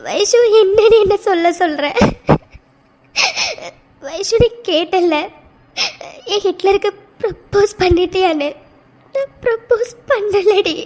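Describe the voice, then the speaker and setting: Woman voicing a distraught young cartoon heroine, very high-pitched, tearful delivery. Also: steady tone, brisk, long pauses, a little mellow. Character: Mithu, heartbroken young woman. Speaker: cartoon character. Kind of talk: Tamil cartoon voice acting.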